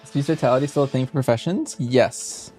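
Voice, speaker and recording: A man's voice: medium pitch, fairly quick, a little mellow, husky, soft background music. A man casually chatting with viewers and answering questions as he streams a game. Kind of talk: casual chat with stream viewers while gaming.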